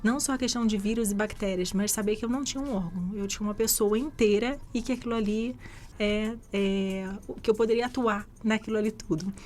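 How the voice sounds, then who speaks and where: A guest infectious disease doctor from Rio de Janeiro, speaking with a Carioca Brazilian Portuguese accent, answers questions on a live radio podcast interview in an explanatory, conversational way. Her mid-range voice is fast, a little mellow and fairly even in intonation.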